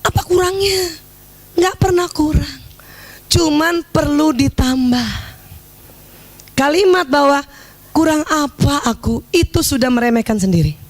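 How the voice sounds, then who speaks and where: A woman's voice: high voice, expressive, measured pace, long pauses. A woman giving an Islamic lecture on family life to an audience of women, speaking to them directly with humor and acting out small dialogues. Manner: humorous, acts out little dialogues; addresses audience directly as 'Bu'.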